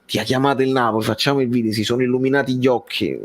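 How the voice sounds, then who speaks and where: A man hosting a football live stream, chatting casually as he answers viewers, often halting and repeating his phrases. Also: mid-range voice, steady tone.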